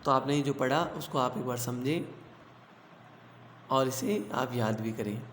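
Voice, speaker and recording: A man's voice: medium pitch, measured pace. A man teaching a grammar lesson to school students, asking questions aloud, answering them himself and repeating the key points. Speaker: Hindi teacher. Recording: echoey room with long reverb and faint hiss.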